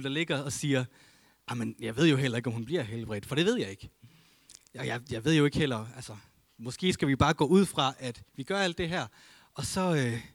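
A man's voice: fairly high pitch, dry recording. Earnest male pastor preaching. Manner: earnest, swings between emphatic and hushed; reads scripture aloud. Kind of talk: sermon.

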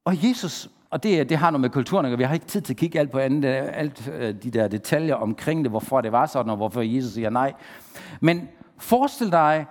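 A man preaching a sermon, lively, asking the congregation questions and acting out the people he quotes. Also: medium pitch. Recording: long hall reverb.

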